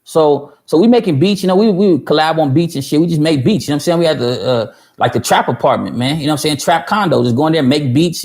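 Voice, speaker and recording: Telling a long story to viewers of a music producers' livestream, a thirtysomething man rambles, curses, and keeps restarting and using fillers, breaking off to respond to chat. His voice is high-pitched with a darkish tone.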